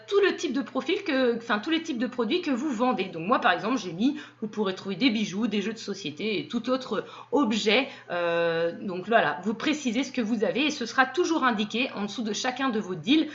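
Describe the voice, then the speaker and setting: Woman doing a screen tutorial, kinda high voice, lots of ums, muffled lo-fi audio. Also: fairly bright tone. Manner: hesitant, explanatory, with frequent fillers. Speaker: tutorial presenter. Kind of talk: screen-recorded software walkthrough.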